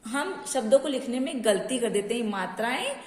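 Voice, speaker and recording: A woman teacher, giving a recorded lesson. She repeats each definition slowly, drills letters one by one and mixes English words into her speech. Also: on the high side, lively intonation. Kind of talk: recorded online grammar lesson. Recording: echoey room with long reverb.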